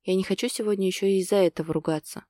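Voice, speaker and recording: A woman's voice: mid-range voice, fairly even intonation, racing, mellow, no echo, clean studio sound, natural voice. A woman reading a jealous young man. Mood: insistent. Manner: brooding, grumbling. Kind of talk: audiobook character reading.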